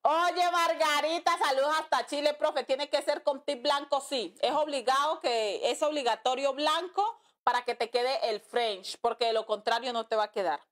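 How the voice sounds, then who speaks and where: On a live stream, a nail art instructor teaches a class in a high, fairly bright voice at normal speed with few pauses. She chats with viewers as she reads their comments, calling them "mi amor" and "amiga."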